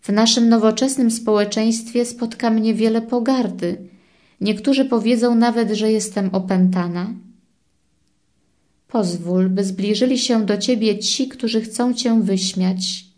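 A woman reading devotional messages aloud in a solemn, measured way. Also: a little high, steady tone, a little mellow.

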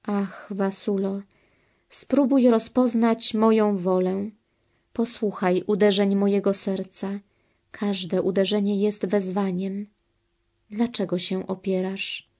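A woman voicing Jesus as a gentle, solemn male divine teacher, speaking slowly and tenderly. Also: medium pitch, little pitch movement. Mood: pleading.

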